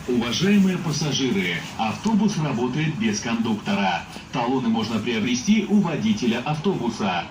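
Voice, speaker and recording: A man reading formal passenger notices, played over a bus PA loudspeaker. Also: mid-range voice, sing-song. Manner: formal, deliberate announcing. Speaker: bus service announcer. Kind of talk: prerecorded transit announcement. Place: inside a moving city bus. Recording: echoey, distant, noisy bus interior.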